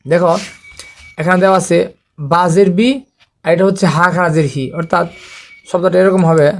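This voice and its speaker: A man teaching a recitation lesson in a slow, patient way. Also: high voice, little pitch movement. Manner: slow, patient, repeats letter drills. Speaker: Quran reading teacher.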